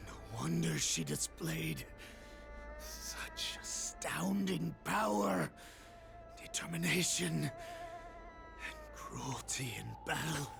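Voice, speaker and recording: Rasping, contemptuous beastly villain. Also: male voice, a little high, huge pitch swings, very slow, long pauses, over music, full character voice. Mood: seething contempt. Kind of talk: dramatic game voice acting.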